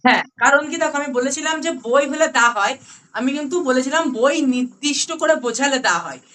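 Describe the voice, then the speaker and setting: A woman with a Bengali accent and a high voice gives an online grammar lesson. She explains patiently, slowing down to repeat key words and often checking whether her students have understood. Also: lively intonation, fairly bright tone, slight background noise. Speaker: English grammar tutor.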